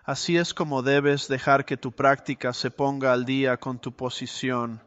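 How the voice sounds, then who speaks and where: Smooth-voiced male preacher teaching scripture. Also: medium pitch, flat delivery, moderate pace, fairly bright tone, no echo, highs cut off. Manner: expository Bible teaching, reading verses aloud. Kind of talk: sermon.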